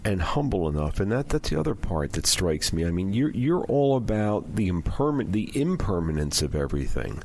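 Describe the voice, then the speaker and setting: A man hosting a business radio interview, asking probing questions with halting restarts. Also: low-pitched, sing-song, a little mellow, slight background noise. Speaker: radio show host.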